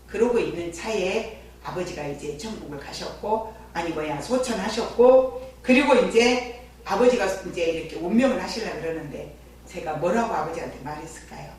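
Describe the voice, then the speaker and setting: Woman pastor, lively storytelling sermon; distant mic in a booming church with faint hum. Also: moderate pace, heavy reverb. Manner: lively storyteller who chats with the congregation. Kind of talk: sermon with personal testimony.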